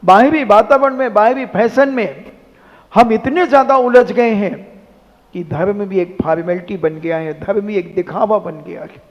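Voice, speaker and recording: Casting: high-pitched male monk preacher, animated and scolding, in an echoing hall with dull sound. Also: normal speed. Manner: animated, rhetorical scolding with mimicry. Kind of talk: sermon.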